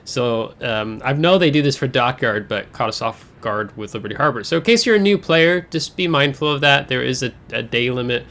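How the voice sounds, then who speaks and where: A man's voice: medium pitch, brisk, hardly any pauses, fairly bright tone. A man hosting a casual game overview, talking in a chatty, rambling way with fillers and self-corrections, his voice a bit congested from air travel. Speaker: gaming channel host.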